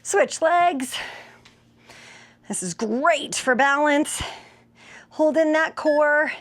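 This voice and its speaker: A middle-aged woman leading a workout as an encouraging, energetic instructor, calling out short motivational cues while exercising. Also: high-pitched, extremely slow. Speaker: fitness instructor, host. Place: inside a motorhome living area. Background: music.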